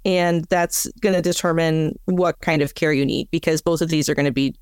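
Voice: mid-range voice, fairly even intonation, moderate pace, clean tone, dry recording, clean studio sound. A podcast co-host in casual chat, explaining things plainly and matter-of-factly.

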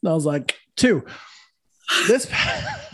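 A man's voice: high voice, animated, moderate pace. A man from New Mexico hosting a podcast, telling stories in casual chat, swearing freely and laughing often. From Santa Fe, New Mexico. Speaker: podcast host.

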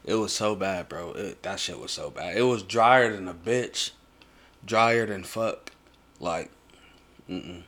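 Young adult American male, lowish voice, casual foul-mouthed bro talk full of slang. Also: takes it slowly, a bit bright. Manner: slangy, swearing, bro-heavy banter. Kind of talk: casual chat.

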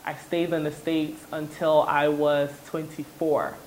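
A young woman from Ghana, raised in the States, telling her story as an entrepreneur in a relaxed, chatty interview with fillers. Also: low-pitched, measured pace, a little hiss or hum, low-quality recording. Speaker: entrepreneur guest. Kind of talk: interview conversation.

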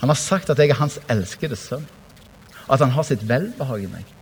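A man preaching a lively, conversational sermon, laughing often and acting out quotes. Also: medium pitch, in a large hall, slight background noise.

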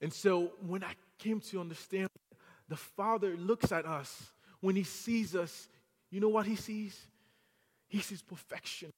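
In a church sanctuary that trails a long, lingering reverb, a man from Haiti delivers a sermon in French-accented English at a measured pace. His voice sits fairly high for a man, and his earnest tone builds into fervent exhortation.

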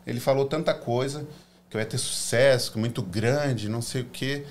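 A Brazilian man, a guest in a casual interview, telling his story in an animated, emotional way. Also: medium pitch, normal speed, a little hiss or hum.

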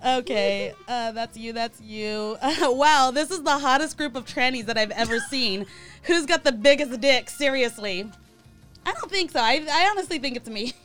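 A woman's voice: sits high, animated, normal speed, fairly bright tone. A woman with a Californian accent and valley girl way of talking, hosting with casual, crude banter. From California, United States. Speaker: host of a live call-in show. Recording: music playing behind the voice. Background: mood music.

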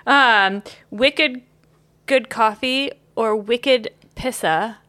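A woman from the Chicago area co-hosting a casual podcast chat, animated and exclaiming, swearing now and then. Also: fairly high pitch, drawn-out words. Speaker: podcast co-host.

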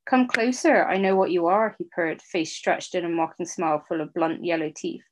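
A woman's voice: lowish voice, fairly even intonation, moderate pace, lightly acted. A woman reading a storybook aloud voices a male kelpie, a shapeshifting water-horse spirit, in a purring, leering, seductive manner. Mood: mocking.

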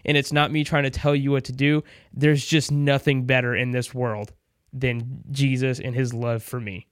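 A man's voice: mid-range voice, little pitch movement, normal speed, no echo, clean studio sound. A man hosting a sports podcast, chatting casually with an earnest, emphatic manner.

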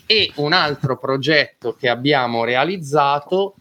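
A man's voice: fairly high pitch, expressive, unhurried, sharp tone. A man appearing as a podcast guest, a calligrapher who tells stories in a playful, jokey way and laughs often. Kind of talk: casual podcast chat.

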